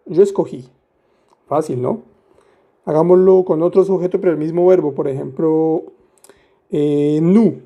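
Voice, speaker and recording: A man's voice: fairly high pitch, mellow. A man teaching French grammar step by step, patient and playful, often asking the listener questions as he goes. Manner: patient, asks rhetorical questions, playful asides.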